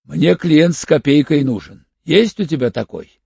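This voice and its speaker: Man reading a curt, gravelly ex-convict. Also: fairly high pitch, expressive, normal speed, a little mellow, no echo, muffled recording, heavily acted. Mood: hard, curt. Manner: blunt, clipped, threatening. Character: tough hardened male ex-convict, curt and cool.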